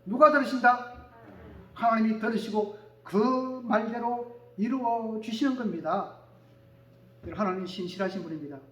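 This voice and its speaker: High-voiced pastor preaching in an echoey hall. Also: male voice, normal speed. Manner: swings from quiet asides to shouted declarations; calls for amen from the congregation. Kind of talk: sermon.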